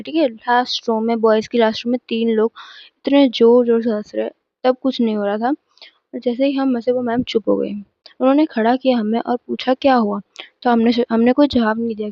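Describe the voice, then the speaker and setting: A teenage girl with a slightly high voice casually tells her viewers a personal story about school. She's chatty and emphatic, restarting often. The recording has no echo, but the highs are cut off.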